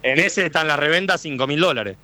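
A man with a Rioplatense Argentine accent doing live radio street interviews outside a stadium, chatty and firing quick follow-up questions. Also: fairly high pitch, sharp tone. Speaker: radio field reporter. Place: outdoors near a stadium.

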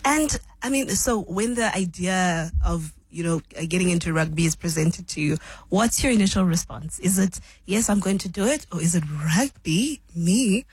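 A woman's voice: fairly low pitch, lively intonation, normal speed, darkish tone, slightly rough, no room sound, low-quality recording. A woman interviewing a guest, asking long questions with fillers like "you know" and "um".

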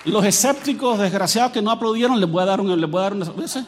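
High-voiced Colombian pastor preaching. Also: male voice, quick pace, background noise. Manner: animated and joking, addresses the crowd directly. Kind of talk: sermon to a congregation.

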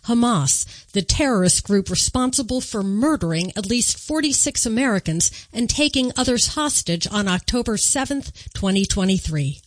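A woman's voice: mid-range voice, no echo, rough recording. Emphatic woman reading scripted commentary. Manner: emphatic, alarmed delivery.

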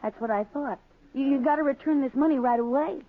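Through a narrow, tinny old radio recording comes a naive American working-class wife. Her voice sits high, and she talks in plain folksy grammar. She is anxious and questioning, played in vintage radio-drama manner. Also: a little fast. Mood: anxious, pleading.

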